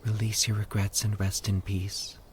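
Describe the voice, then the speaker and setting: Using his natural voice at a fairly low pitch, a man performs an eerie, calm woman who communes with the dead in an audio horror story. The measured monotone feels hushed and soothing, with slight background noise.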